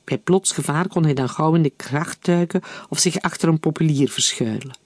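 A man reading a novel aloud in steady, even-paced audiobook narration. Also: a little high, moderate pace, dry recording, studio quality. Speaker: reader.

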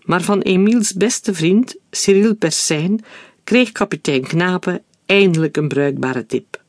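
A man reading a story aloud in a steady, clear narrating voice. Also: sits high, measured pace, dry recording.

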